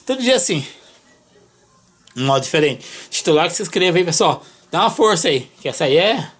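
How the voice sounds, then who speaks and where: A woman hosting a casual home vlog, playful and loudly calling out repeated wake-up cries. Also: lowish voice, very animated, brisk. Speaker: vlogger host.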